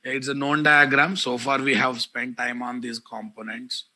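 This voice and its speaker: A man with a Telugu Indian English accent teaching a live online software class, repeating phrases and addressing his students directly. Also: medium pitch, level tone, normal speed. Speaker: programming teacher.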